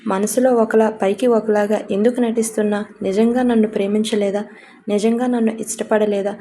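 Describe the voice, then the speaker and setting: A woman's voice: mid-range voice, steady tone, normal speed, dark tone, slight background noise, close to an everyday voice. A woman voicing a loving, hurt young man who pleads with his beloved in a coaxing, pressing way. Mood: pleading.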